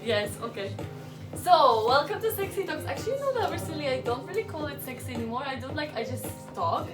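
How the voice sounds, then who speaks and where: A woman hosting a casual spiritual chat, bubbly and giggly, talking in quick bursts. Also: high-pitched, expressive, reverberant, far from the mic, over music. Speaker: channel host. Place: flat in London.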